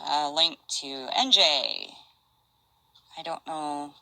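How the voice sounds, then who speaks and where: An older woman casually chatting on a stream, reading out messages in a halting, rambling way. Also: sits low, bright, forceful tone, no echo, poor audio. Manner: rambling, halting, restarts and asides.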